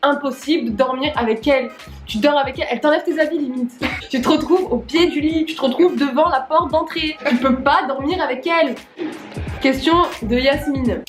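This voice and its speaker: A young woman with a fairly high voice hosts a casual question video. She talks in a playful, slangy, joking way. The room adds some echo and music plays underneath. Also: fairly quick. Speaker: video host reading viewer questions. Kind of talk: casual chat, question challenge.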